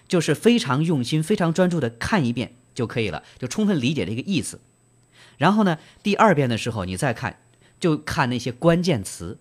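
A man hosting a book club, explaining and retelling in trained standard Mandarin with frequent fillers and questions to the listener. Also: medium pitch. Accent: standard Mandarin, broadcast-trained. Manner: gentle storyteller, asks listeners rhetorical questions. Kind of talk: book reading and discussion.

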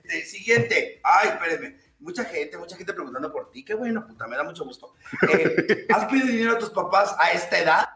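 A man's voice: high-pitched, lively intonation, a little fast, roomy sound, a crowd in the background. A man with a Mexican accent hosting a live game chat as a drag persona, campy, crude and teasing. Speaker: drag host.

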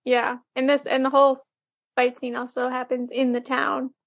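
A woman's voice: high-pitched, little pitch movement, normal speed, no room sound. A woman co-hosting a podcast, recapping an episode casually and hesitantly, with many fillers. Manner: hesitant, full of "um" and "like". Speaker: podcast co-host.

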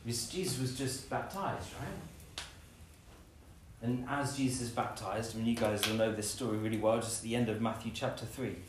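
Preacher in an echoey hall. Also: male voice, medium pitch, moderate pace, noisy background. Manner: animated, acts out scenes in playful voices. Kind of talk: sermon. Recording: echoey room, from a distance.

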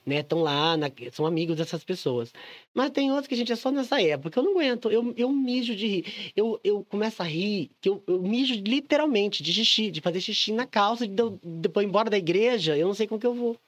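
Animated gossipy man in a dry studio. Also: high voice, fairly quick, dry recording. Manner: animated, gossipy storytelling with lots of laughing. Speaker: podcast guest, drag singer. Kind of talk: casual chat.

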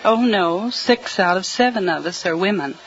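A woman's voice: mid-range voice, animated, moderate pace. A middle-aged American woman from Iowa with a Midwestern accent, answering in a polite, matter-of-fact and slightly hesitant way as a radio quiz contestant. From Iowa, United States. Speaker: quiz show contestant, tax assessor. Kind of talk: plain-spoken radio interview answers. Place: radio studio with audience. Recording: dull old radio recording, faint crowd noise.

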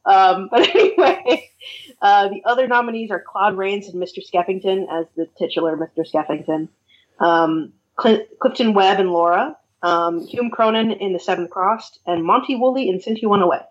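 Husky lady cohost, laughs a lot, kinda dull lo-fi sound. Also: mid-range voice, moderate pace. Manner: laughs easily, animated, swears casually. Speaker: podcast co-host. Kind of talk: casual chat.

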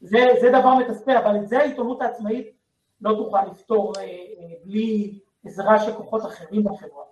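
A man's voice: high voice, steady tone. Distant, roomy-sounding man on a panel. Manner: hesitant, many fillers. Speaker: journalist panelist. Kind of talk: panel discussion.

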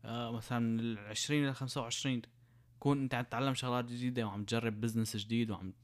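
A man's voice: medium pitch, fairly even intonation, very fast. A young man with a Syrian Arabic accent chatting casually, explaining his points through everyday examples and rhetorical questions. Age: young adult. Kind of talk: casual chat.

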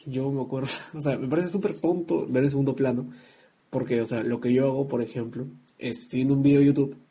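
A man's voice: medium pitch, fairly even intonation, fast talker, warm tone, slightly rough. A man co-hosting a casual chat, joking around and sending playful greetings to his listeners.

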